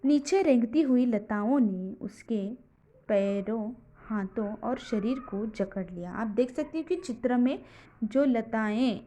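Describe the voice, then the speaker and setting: A woman teacher with an Indian accent, reading a children's story line by line and going over each part again in plain words. She speaks slowly and unhurriedly, and her voice is soft and mellow. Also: a little high. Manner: reads a line, then explains it simply in her own words. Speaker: school teacher.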